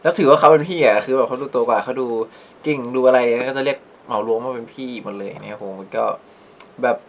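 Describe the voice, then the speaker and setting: A man's voice: medium pitch, a bit bright, a little hiss or hum. A man hosting a reaction channel, chatting casually about a performance, rambling with lots of restarts and polite phrasing.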